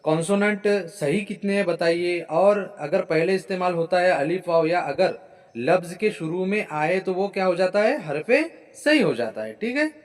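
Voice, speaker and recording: A man's voice: high voice, lively intonation, normal speed. A man teaching an exam-prep grammar lesson. He repeats key points, keeps checking in with "ठीक है" and answers his own questions. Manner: repetitive, drilling with frequent "ठीक है" checks; asks a question then answers it himself.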